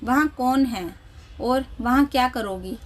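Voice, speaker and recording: Calm, concerned young husband and son, read by a woman narrator with a higher pitch. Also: measured pace.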